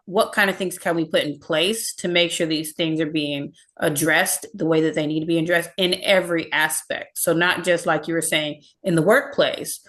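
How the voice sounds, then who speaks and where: Low-voiced woman teacher explaining. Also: steady tone, normal speed, few pauses, fairly bright tone. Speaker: special education teacher. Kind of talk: casual discussion.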